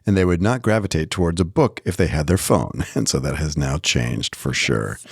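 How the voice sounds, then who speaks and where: A podcast co-host chats casually, explaining things in a conversational manner. His voice is extremely low, a bit breathy, at a moderate pace, captured in a dry, clean studio recording.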